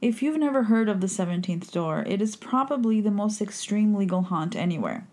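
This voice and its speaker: A woman plays a vampire hostess of a campy horror show. Her voice is mid-pitched, and she delivers scripted lines with theatrical, macabre playfulness. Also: expressive, fairly quick, a little mellow, lightly acted. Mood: playful, macabre.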